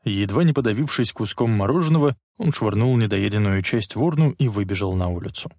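A man's voice: on the low side, expressive, fairly quick, a little mellow, no echo. Man narrating a story, dry close sound. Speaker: audiobook narrator. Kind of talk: scripted narration.

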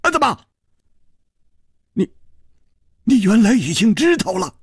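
A man's voice: medium pitch, big pitch swings, moderate pace, no echo, clean studio sound. A man voicing a clever, trapped male hero who speaks in a wry, sighing way.

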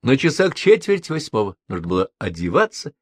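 Expressive male audiobook narrator. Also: mid-range voice, brisk, husky, dry recording. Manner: expressive storytelling with acted dialogue. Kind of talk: reading a novel aloud.

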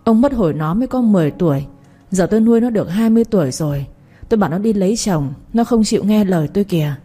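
A woman's voice: medium pitch, lively intonation, quick pace, dark tone, breathy edge, soft background music. A woman voicing a bossy, scheming middle-aged stepmother who scolds and wails theatrically in a storybook reading. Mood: wailing.

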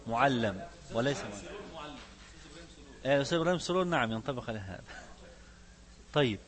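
Fast-talking Egyptian sheikh teaching. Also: male voice, mid-range voice, animated, slight background noise. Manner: mixes classical recitation with Egyptian colloquial asides, quizzes students. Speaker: sheikh teaching a fiqh book. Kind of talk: religious lesson to students.

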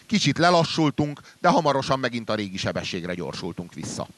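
A man reading a literary story aloud in a measured way, trailing low and quiet at the ends of sentences. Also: very animated. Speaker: reader.

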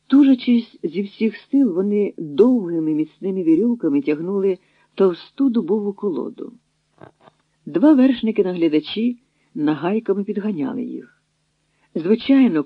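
A narrator reads in a measured, dramatic way, in a voice of middle pitch. The sound is dry and close, squeezed through a tinny, phone-like band. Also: no echo. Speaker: audiobook narrator.

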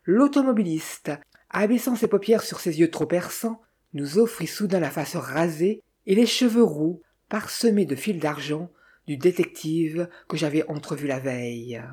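Low, husky woman narrating. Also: lively intonation, measured pace, warm tone. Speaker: audiobook narrator. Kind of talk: scripted narration of a detective novel.

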